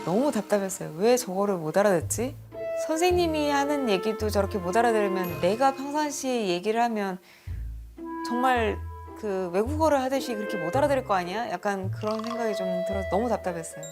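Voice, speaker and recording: Frustrated wife venting, medium voice, music behind. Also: female voice, mid-range voice, animated, fairly quick. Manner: frustrated, confiding. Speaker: wife in counseling. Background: background music.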